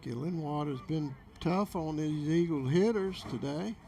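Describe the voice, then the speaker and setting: A male baseball play-by-play announcer calls the game slowly and without hurry. His voice is a little high for a man, dark in tone with a gravelly fry, and faint outdoor noise sits behind him.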